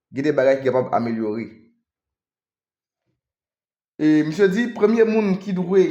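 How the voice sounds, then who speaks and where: A man's voice: fairly high pitch, a little mellow, echoey room. A man with a Haitian accent presenting sports news, moving between Creole and French and reading quotes aloud.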